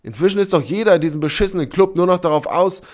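A man voicing a brash, scornful young woman in a read-aloud story, raising his voice high for her. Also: sing-song, moderate pace. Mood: furious. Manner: mocking, then shouting in fury.

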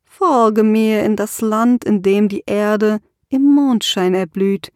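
Hypnotic storybook vampire, drawn-out and luring, voiced by a woman. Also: medium pitch, darkish tone, dry recording, studio quality, natural voice. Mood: seductive. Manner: slow, luring, murmuring. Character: seductive male vampire, soft and hypnotic.

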